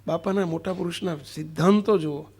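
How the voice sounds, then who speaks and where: A man with a gravelly voice preaches a devotional sermon to a gathering. He often puts questions to his listeners and leans hard on his key points. His voice sits slightly high for a man. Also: steady tone, fairly quick, a little mellow. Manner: questioning, emphatic, acts out a street seller's cries.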